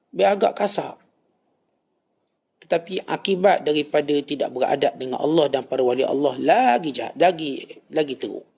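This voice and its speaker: A man with a Malaysian Malay accent delivers a religious lecture, moving between storytelling and stern admonition. His voice sits slightly high and has a gravelly edge. The recording sounds dull and lo-fi. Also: darkish tone. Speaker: religious teacher. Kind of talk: Islamic lecture.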